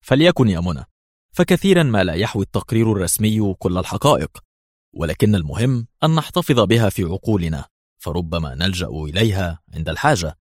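Man doing an unhurried spy chief; deep, husky, dry. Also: no room sound. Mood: calm. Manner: calm, wry. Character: calm, knowing male intelligence chief.

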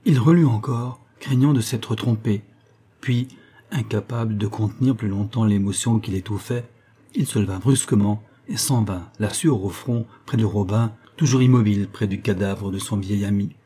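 Low, husky male narrator. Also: dark tone. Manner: measured literary reading. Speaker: audiobook narrator. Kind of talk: scripted narration.

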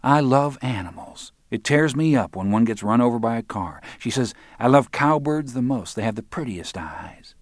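A man's voice: mid-range voice, lively intonation, normal speed, hardly any pauses, no room sound, clean studio sound, voice pushed up, close to an everyday voice. A man voicing a dreamy, lonely woman of about thirty-five who runs a roadside diner. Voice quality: soft, dreamy.

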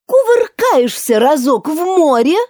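A tearful, sentimental male sea creature from a storybook reading, played by a woman. He talks high and wavering, lurching from sobs into shouts. The voice sits close and dry. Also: big pitch swings, a little slow, no echo, exaggerated voice. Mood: excited. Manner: tearful, exclamatory, singsong.

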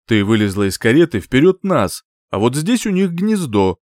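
A calm young nobleman who speaks with assurance and a matter-of-fact tone, voiced by a male audiobook narrator. The voice stays close to the reader's own and sits in a dry, close recording. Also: medium pitch, normal speed, dry recording, close to an everyday voice.

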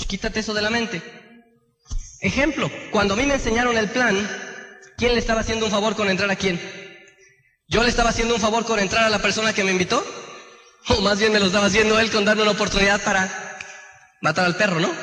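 A man giving a motivational sales training talk, animated and often asking his audience rhetorical questions. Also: high voice. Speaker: network marketing trainer. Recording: echoey hall with long reverb.

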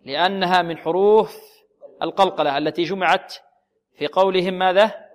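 Male recitation teacher with a high voice who drills pronunciation through questions and slow recited examples. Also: fairly even intonation. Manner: explains and drills pronunciation, asks questions then answers them. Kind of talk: tajweed lesson with recited examples.

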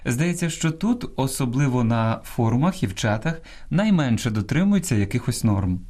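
Man, radio language lesson host, lively pitch, mellow dark voice, didactic word-by-word corrections. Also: moderate pace. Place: radio studio.

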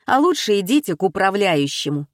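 A woman voicing a male investigator who gives brisk, calm orders. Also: medium pitch, no echo, clean studio sound, close to an everyday voice. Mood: commanding.

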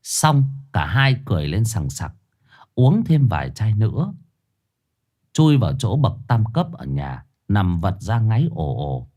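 Male horror narrator, low and animated, dramatic reading over soft music. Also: a little slow. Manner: dramatic, expressive. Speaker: storyteller. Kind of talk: scripted horror story narration. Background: faint music.

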